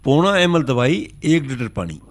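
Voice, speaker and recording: A man's voice: mid-range voice, very animated, moderate pace, slight background noise. A North Indian man giving courteous, instructive advice as an expert on a phone-in, repeating key points. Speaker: agriculture expert.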